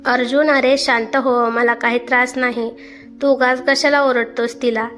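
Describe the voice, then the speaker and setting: A woman voicing a gentle elderly mother who calmly soothes her quarreling son, in a storybook reading. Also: on the high side, unhurried, soft background music. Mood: soothing. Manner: calm and soothing.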